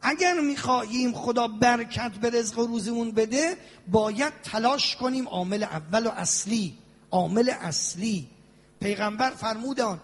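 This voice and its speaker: Male cleric preaching, really high voice, sing-songy bits, big reverby hall. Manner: animated preaching, drawn-out invocations, sing-song passages. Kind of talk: sermon.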